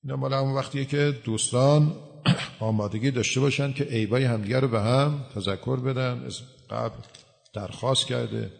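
Male cleric, gravelly voice, explanatory sermon, long hall reverb. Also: medium pitch, steady tone. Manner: explanatory, uses everyday examples. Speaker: cleric answering questions. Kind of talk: religious talk to a gathering.

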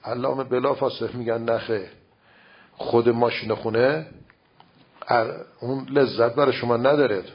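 A man's voice: medium pitch, fairly even intonation, pauses often, husky. A man teaching religious philosophy in an informal lecture, explaining with everyday examples and rhetorical questions. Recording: dull lo-fi recording.

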